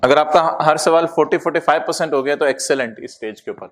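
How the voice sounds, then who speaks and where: A man lecturing a tax class, with lively asides and English terms mixed into his explanations. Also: a little high, fast talker.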